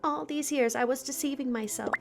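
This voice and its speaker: A woman's voice: sits high, fairly quick, vocal fry, over music. A woman voicing an emotional, lovesick young woman who wavers between tears and self-mockery. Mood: resolved.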